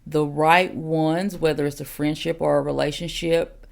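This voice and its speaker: A woman's voice: low-pitched, level tone, moderate pace, gravelly, darkish tone. A woman in her forties, an elder of a ministry, giving a podcast teaching in an earnest, direct way, with many "um"s and repeated questions. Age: 40s.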